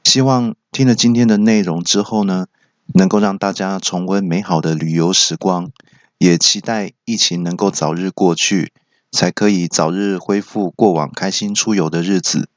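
A man's voice: deep voice, fairly even intonation, moderate pace, dry recording, highs cut off. A man with a Taiwanese Mandarin accent hosting a comedy podcast, telling funny stories and acting out the dialogue. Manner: jokey, acts out dialogue with raised voice. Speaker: podcast host. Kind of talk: stand-up style storytelling.

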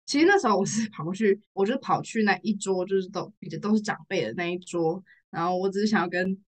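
A woman's voice: medium pitch, fast talker. Young taiwanese woman, emotional storytelling, repeats herself a lot, teary laughs. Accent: Taiwanese Mandarin. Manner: emotional, repeats phrases, laughs through tears. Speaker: podcast guest, rehearsal studio owner. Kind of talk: casual storytelling chat.

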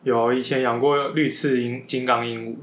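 A woman chatting casually as a podcast co-host, animated and often repeating words in agreement. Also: extremely low pitch, moderate pace. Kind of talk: casual chat about a film. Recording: echoey room.

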